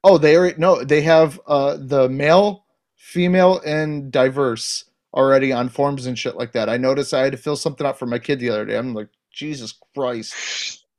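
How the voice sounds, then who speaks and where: A man's voice: mid-range voice, fairly quick, a little mellow. A man in a casual podcast conversation, talking bluntly and emphatically with frequent swearing. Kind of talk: casual opinionated chat.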